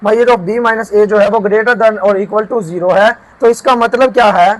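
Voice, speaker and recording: A man teaching math, walking through a proof and slowing down to dictate each formula term by term. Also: sits high, steady tone, low-quality recording. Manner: often checks in with "theek hai". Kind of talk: lecture explaining a proof.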